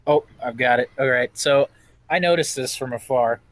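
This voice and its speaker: A man's voice: mid-range voice, normal speed, dry recording. A man playing a tabletop role-playing game, chatting loosely and swearing casually. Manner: loose, swearing, apologetic banter. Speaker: player.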